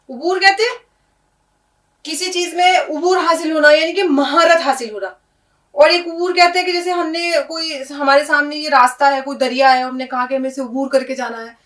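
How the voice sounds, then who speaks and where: A woman's voice: sits high, fairly bright tone, roomy sound, far from the mic. A woman teaching a language lesson, patiently spelling out words, repeating them and checking with the learner. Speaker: Urdu teacher. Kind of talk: classroom lesson on letters and words.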